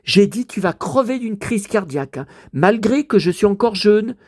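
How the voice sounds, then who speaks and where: A man in his fifties vlogs casually at home, holding a handheld camera while showing his shopping, rambling and swearing often. His high, slightly mellow voice is animated and moderately paced, breathless from carrying heavy bottles. The sound is dry and clean, like a studio.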